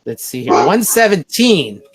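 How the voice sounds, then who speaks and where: A man's voice: on the high side, very animated, crowd noise, poor audio. A man hosting a casual podcast, thinking aloud as he reads through a list. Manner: slow, thinking aloud while reading a list. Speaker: podcast host. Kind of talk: casual chat.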